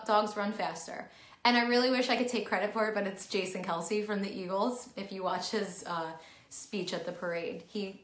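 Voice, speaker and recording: A middle-aged woman talks straight to the camera in a casual, candid vlog, leaning on "like" as she goes. Her voice sits at an ordinary pitch for a woman. The room around her rings with a noticeable echo. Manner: candid, chatty, heavy use of "like" fillers. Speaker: vlogger. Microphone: camera at close range, talking to herself on screen. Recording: roomy echo.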